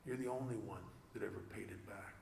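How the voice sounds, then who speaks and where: A fast-talking man with a lowish, creaky voice and steady tone shares his recovery story at a convention, earnest and confessional, with self-deprecating jokes. Background noise and the long reverb of an echoey hall fill the recording.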